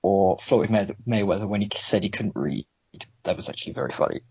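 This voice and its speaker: Brief: young Irish man, podcast co-host, lively up-and-down delivery, slightly husky, dull lo-fi recording. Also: low-pitched, a little fast, dry recording. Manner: animated, swearing banter. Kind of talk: casual chat. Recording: dull lo-fi dry sound.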